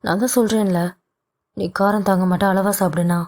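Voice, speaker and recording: A woman's voice: medium pitch, fairly even intonation, fairly quick, darkish tone, lightly acted. A woman voicing a bossy but tender young husband in a romance audio novel, with a blunt, scolding delivery.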